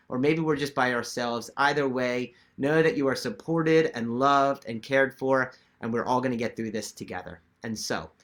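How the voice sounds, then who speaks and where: A man giving guided meditation instruction to viewers in a gentle, reassuring and measured way. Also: medium pitch. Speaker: meditation teacher.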